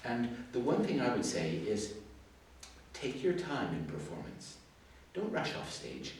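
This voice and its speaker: An older adjudicator gives feedback to performers in a school music hall, his medium-pitched voice swooping wildly while he keeps an unhurried pace. He's English with a Suffolk accent marked by Canadian traces from an early life in Canada, and he talks chattily, wandering off topic and poking fun at himself. The hall is very echoey, the mic distant, with slight background noise.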